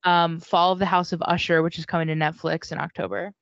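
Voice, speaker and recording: A woman's voice: lowish voice, flat delivery, brisk, vocal fry, dry recording. A woman co-hosting a casual book podcast over a video call, rambling with lots of ums and likes. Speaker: podcast co-host and bookstore worker. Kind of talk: casual chat. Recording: dry, dull lo-fi call audio.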